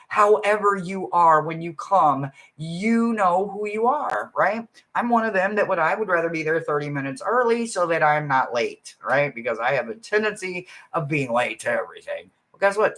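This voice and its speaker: A man, a spiritual card reader, talking casually to his viewers in a rambling way, often adding "right?" and swinging from soft murmurs to loud bursts. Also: fairly high pitch. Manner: rambling, keeps asking "right?". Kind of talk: casual spiritual livestream talk.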